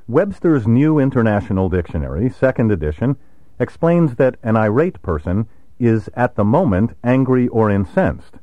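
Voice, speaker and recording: Male vocabulary teacher, low, wry and pedantic, spells words out, dry, dull-sounding recording. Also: no echo. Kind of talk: scripted vocabulary lesson.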